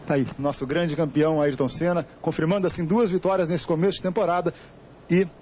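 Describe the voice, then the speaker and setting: A male TV sports reporter with a Brazilian Portuguese accent, asking brisk leading questions. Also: on the high side, steady tone, a little mellow. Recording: lo-fi archive TV audio with faint hiss.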